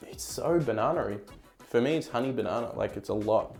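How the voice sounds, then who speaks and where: A man's voice: medium pitch, fairly quick, gravelly, a little mellow, soft background music. An Australian man giving a casual whiskey review, rambling a little as he searches for words. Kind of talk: casual tasting chat.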